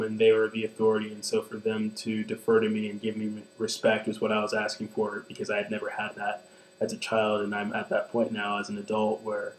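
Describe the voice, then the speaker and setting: A man in his twenties speaking in a personal vlog, earnest and hesitant, with many ums and restarts. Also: lowish voice. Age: 20s. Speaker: vlogger. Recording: echoey room with mains hum.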